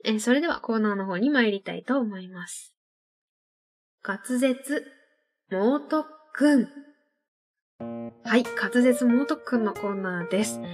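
A woman's voice: mid-range voice, a little fast, husky, soft background music. A young woman hosting her own internet radio show, chatting casually and laughing at her own tongue-twister slips. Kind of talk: casual solo radio talk.

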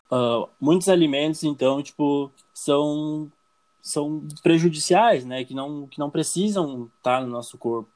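A young Brazilian man answering interview questions casually, with many fillers and restarts. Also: mid-range voice. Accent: Brazilian Portuguese. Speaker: guest.

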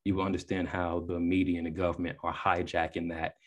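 A low-pitched man hosting a podcast. He talks emphatically and swears freely, speaking straight to his listeners as guys. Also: flat delivery, fast talker, lo-fi sound. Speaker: podcast host. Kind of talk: casual interview talk.

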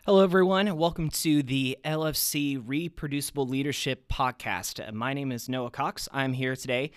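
A male podcast host leads a relaxed conversation at a middling pitch. He hesitates often and fills gaps with "uh", and his voice sounds dry and close with no room around it. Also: moderate pace, clean tone, no room sound. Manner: hesitant, full of "uh" fillers.

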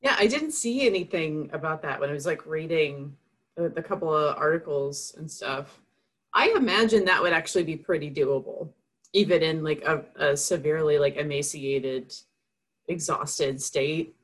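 Woman cohost chatting, animated, swears a lot, repeats herself for emphasis. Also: deep voice, moderate pace. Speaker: podcast co-host. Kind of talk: casual chat.

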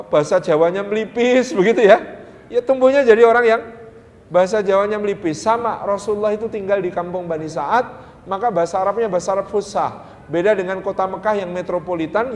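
High-voiced lively preacher. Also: male voice, big-room sound. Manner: lively, playful, mimics dialects, casual Javanese asides. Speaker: Islamic preacher. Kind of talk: sermon.

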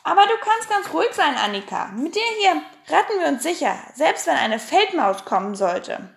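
Pippi, a woman doing a hoarse fearless girl. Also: sits high, big pitch swings, moderate pace, voice pushed up, full character voice. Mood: cheeky. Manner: boastful, playful. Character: bold cheeky girl adventurer, fearless. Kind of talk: audiobook reading.

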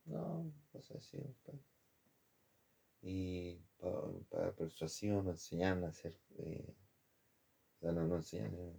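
A man's voice: sits low, creaky, dark tone, husky. A man with a Chilean accent telling a personal story from his design studies in a rambling, slangy way, often calling the listener "compadre". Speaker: former design student.

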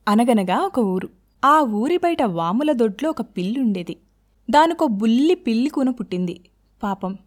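A woman host telling a children's story in a lively, expressive singsong way. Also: a little high.

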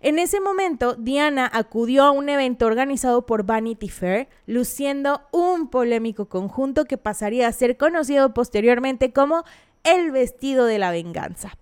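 A woman's voice: sits high, expressive, moderate pace, a little mellow, smooth. A young Mexican woman hosting a casual gossip podcast, telling the story in a dramatic, exclamatory and slangy way. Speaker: podcast host.

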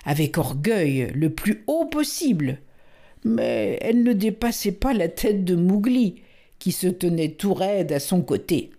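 A woman narrating a storybook in a calm, measured reading. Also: on the low side.

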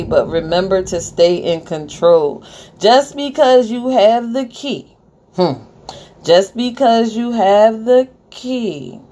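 A woman's voice: lowish voice, warm tone. A woman giving a casual spiritual reading like a life coach, encouraging and directive, with sassy informal phrasing and repetition for emphasis. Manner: informal, sassy slang with check-in tags. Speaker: spiritual card reader giving guidance to viewers. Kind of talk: casual intuitive reading, life-coach style motivational advice.

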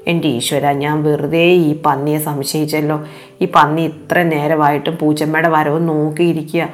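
A woman's voice: sits low, little pitch movement, moderate pace, soft background music, close to an everyday voice. A woman voicing a kind, protective mother kite bird in a told children's story, speaking earnestly and reassuringly. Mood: remorseful.

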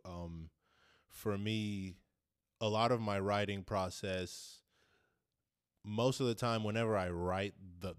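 A young man, a rapper and producer, answering interview questions in a relaxed, rambling way with restarts. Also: sits low, dry recording, clean studio sound.

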